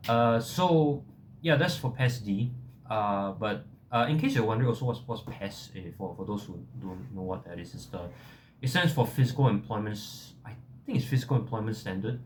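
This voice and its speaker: A young man with a Singaporean accent talks casually to his viewers in a fairly low voice. He hesitates, backtracks and is self-deprecating as he rambles along. There is some noise in the background of the recording. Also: expressive, moderate pace. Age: young adult. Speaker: vlogger.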